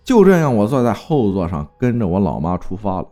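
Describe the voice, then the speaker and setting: A man narrating a spooky folk tale in a lively, dramatic way. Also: fairly quick, faint music behind. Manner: lively, dramatic telling with big swings of pitch. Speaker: storyteller.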